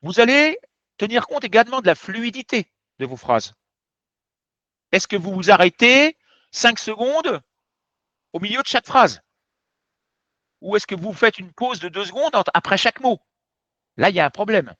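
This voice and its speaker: A man's voice: high voice, very animated, moderate pace, long pauses, pushed and bright, dry recording. A man teaching as a French teacher, giving an explanatory lesson in a direct, emphatic way that speaks straight to viewers. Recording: dull, slightly muffled sound.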